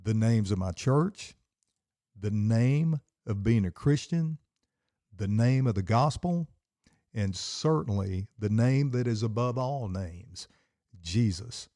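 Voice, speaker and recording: A middle-aged man talks alone into the mic in his basement, working himself up like a pastor in the pulpit. His voice is warm and low in color, recorded close and dry with no room sound. He hammers points home with repeated, emphatic phrases. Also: expressive, slow pace, no room sound. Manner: fired-up, emphatic, preacherly repetition. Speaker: podcast host and pastor. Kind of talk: solo podcast with preaching.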